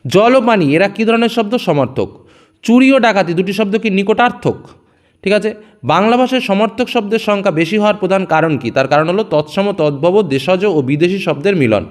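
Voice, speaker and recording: A man teaching exam revision, reading each question aloud and then giving the answer in a lower, quieter voice. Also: expressive, moderate pace.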